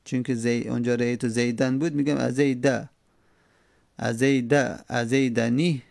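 A man's voice: mid-range voice, little pitch movement, vocal fry, darkish tone, no room sound, clean studio sound. A male teacher, a native Persian speaker, explaining Arabic grammar step by step, repeating each form with frequent hesitations.

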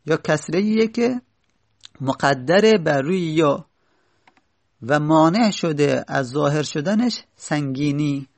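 A man teaching Arabic grammar, explaining each point patiently and repeating key phrases slowly. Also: fairly high pitch, dry recording.

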